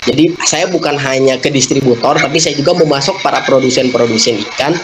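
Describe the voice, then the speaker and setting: A man in his twenties who runs a fish business, answering interview questions at length, often pausing to find his words. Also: medium pitch. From Indonesia. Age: 20s. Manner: expansive, explains at length with many pauses and fillers. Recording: loud background noise.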